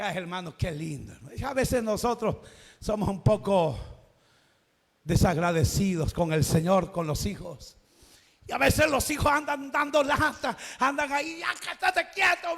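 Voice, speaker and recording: A man preaching an evangelical sermon in a church, impassioned and often shouting as he tells the story. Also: sits high, creaky, breathy edge, in a large hall. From El Salvador.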